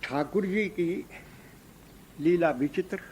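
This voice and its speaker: A man narrating a devotional story in a lively way, breaking in with devotional calls. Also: sits high, slow, slight background noise.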